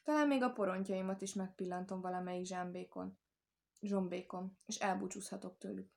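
A woman's voice: medium pitch, steady tone, vocal fry, darkish tone, close to an everyday voice. A woman voicing a crafty toad who plays innocent and coaxes a wolf in a storybook tale. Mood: sly. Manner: innocent, coaxing, lightly mocking. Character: sly calm old toad, quick-witted.

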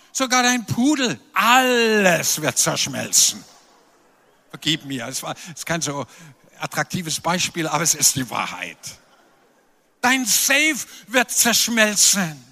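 A man preaching a sermon, animated and emphatic, with playful asides to the congregation. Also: sits high. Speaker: pastor. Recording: long reverb of a large hall.

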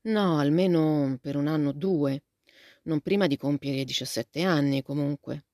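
Woman as a courteous shy teenage boy, soft and polite, fairly low voice, mellow. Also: measured pace, no room sound, clean studio sound. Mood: calm.

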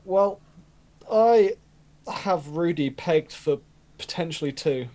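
A man's voice: fairly high pitch, expressive, slow, mellow. A man co-hosting a casual chat with playful, teasing banter. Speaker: podcast co-host.

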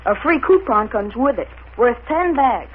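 Gushing, animated boy radio pitchman. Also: a little slow, slight background noise. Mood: eager. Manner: gushing, gee-whiz enthusiasm. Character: eager, wholesome boy pitchman. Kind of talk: 1930s radio advertisement. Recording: tinny, muffled old radio recording.

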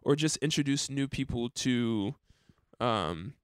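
Young male musician, loose casual rambler, medium pitch, dry sound. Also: animated, takes it slowly, clear, resonant tone, no echo. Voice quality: countertenor singer. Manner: rambling, laughs often, many likes and restarts. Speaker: musician and podcast host. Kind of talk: casual chat.

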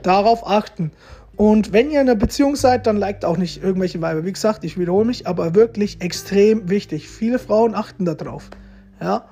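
A man's voice: sits high, brisk, dark tone. A man giving casual relationship advice straight to his viewers, chatty and repetitive, tagging his sentences with little questions. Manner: chatty, repeats himself, tags lines with "ja?" and "ne?".

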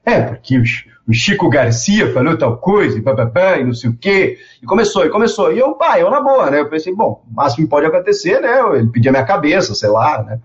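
A man, telling stories in a casual interview, animated and repeating words as he goes. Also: on the high side, fairly quick, few pauses. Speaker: guest. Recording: dull lo-fi sound.

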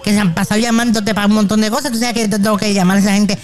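A performer playing Choli, an excitable, gossipy woman caller with a Puerto Rican accent, in a comedic radio sketch who scolds and fusses theatrically. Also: rapid-fire, soft background music, close to an everyday voice. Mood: fussy. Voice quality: animated, theatrical, jumps between high squeals and low grumbles. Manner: scolding, fussy, drags out words for comedy.

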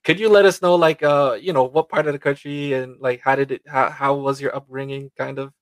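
A man hosting an interview, responding warmly and stammering through his questions with many fillers. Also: mid-range voice, steady tone, a little fast, no echo. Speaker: interview host. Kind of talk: conversational interview.

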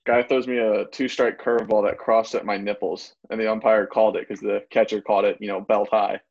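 A man recalling his last high school baseball game, with a dry, understated delivery. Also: little pitch movement, fairly quick, darkish tone. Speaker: former baseball player. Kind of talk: casual chat. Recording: dull, lo-fi mic.

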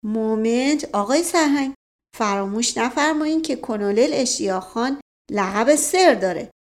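A woman's voice: a little high, lively intonation, natural voice. A witty, sly nobleman, read by a woman narrator, full of polished, mannered courtesy. It stays near her own voice in this spoken storybook. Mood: smooth.

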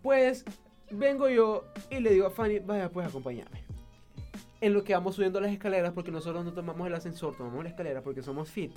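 A young man, casually telling a lively story and acting out the people in it. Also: sits high, fast talker, faint music behind. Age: young adult. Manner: animated, acts out voices of people in his story.

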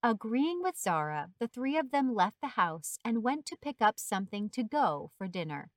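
A woman reading a short story aloud as narrator in a steady, earnest manner. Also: a little high, moderate pace, no echo.

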